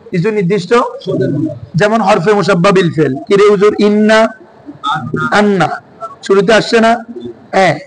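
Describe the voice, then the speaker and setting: A man's voice: high voice, noisy background. A male teacher, giving a classroom lesson and quizzing his students with repeated questions.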